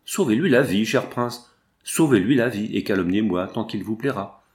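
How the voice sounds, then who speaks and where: A man's voice: lowish voice, expressive, normal speed, darkish tone, natural voice. A man reading the part of an elderly monk who pleads passionately for his son's life. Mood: pleading. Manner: impassioned, pleading. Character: old monk and father pleading for his son. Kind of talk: audiobook character reading.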